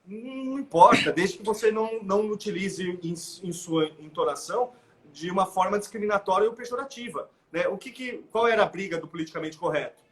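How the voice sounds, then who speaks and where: A middle-aged man with a Brazilian Portuguese accent, explaining his views as the guest of a live interview, animated and full of "né?" tags and restarts. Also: high voice, brisk. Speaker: guest expert.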